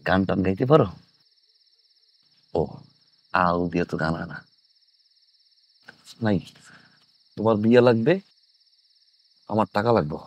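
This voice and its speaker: An actor playing a young husband who married for money, talking bluntly and offhandedly in a TV drama. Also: male voice, low-pitched, measured pace, long pauses, dry recording. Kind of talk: TV drama acting.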